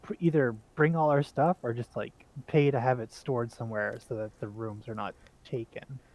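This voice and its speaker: A man's voice: mid-range voice, fairly even intonation, normal speed, darkish tone. A man playing a tabletop game with friends, talking casually and hesitantly, often laughing. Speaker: player.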